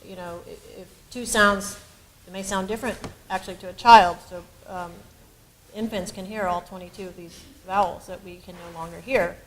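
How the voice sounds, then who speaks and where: Heard on a low-quality recording, a woman with a lowish, fairly even voice explains her ideas at a moderate pace during a university panel. As a panelist and researcher, she thinks aloud with frequent ums, fillers and restarts.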